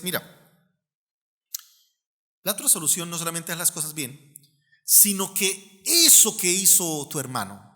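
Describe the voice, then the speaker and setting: A Colombian man preaching a sermon as pastor, animated and acting out the people in his stories. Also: fairly high pitch, big-room sound. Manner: animated, acts out quoted voices.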